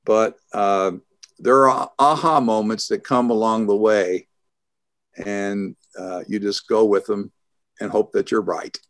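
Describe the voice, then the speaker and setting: An older man, answering interview questions as an author in a thoughtful, halting way with many restarts. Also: on the low side, steady tone, fairly bright tone, no echo, clean studio sound. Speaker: author and guest.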